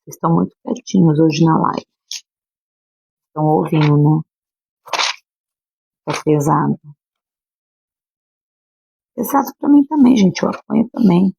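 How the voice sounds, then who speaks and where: A woman pastor with a Brazilian Portuguese accent preaches earnestly and emphatically on a phone or webcam livestream, addressing her listeners directly. Her voice is deep, husky, creaky and warm, a little slow, with frequent pauses. The audio has no room sound and the highs are cut off.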